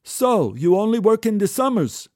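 A man voicing a confused elderly male warehouse worker, high and slow, drifting in his replies. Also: sing-song, a little mellow, no room sound, studio quality. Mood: bewildered. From Poland. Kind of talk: storytelling.

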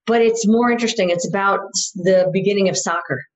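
A woman in a casual podcast roundtable, chatty and quick to laugh. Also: mid-range voice. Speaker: podcast co-host. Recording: slightly dull lo-fi audio.

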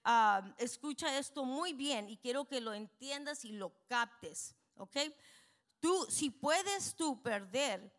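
A middle-aged woman preaching a bilingual sermon in Spanish and English, emphatic, peppering her lines with amens and slowing down on key points. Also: high voice, animated, a bit bright. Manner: switches between Spanish and English, frequent amens.

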